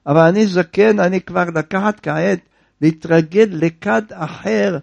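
A man's voice: high-pitched, gravelly, highs cut off, full character voice. A man voicing a distraught old man who pleads at length in a folk tale. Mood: pleading. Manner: wailing, then pleading at length. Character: distraught old man mourning his broken jug.

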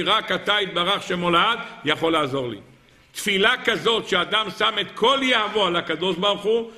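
A man preaching a religious sermon, asking his listeners questions and chanting scripture verses slowly. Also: high-pitched, sharp tone. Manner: asks the audience questions and answers them, chants verses slowly. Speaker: rabbi giving a Torah lesson.

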